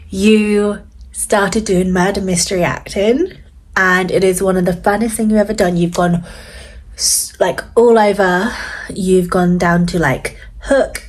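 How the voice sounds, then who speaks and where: A woman's voice: on the low side, darkish tone. A woman, chatting casually and reflectively as she replies to her younger self in a vlog. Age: 30s. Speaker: vlogger.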